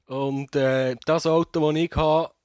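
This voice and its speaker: A man with a Swiss German accent, chatting in a relaxed way on a podcast and explaining from his own experience. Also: fairly high pitch, measured pace, clear, resonant tone, no echo, studio quality. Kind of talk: casual podcast chat.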